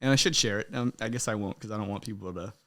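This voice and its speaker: A man's voice: fairly low pitch, very fast. A young man hosting a podcast in casual chat, loose and joking, laughing often and swearing casually. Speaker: podcast host.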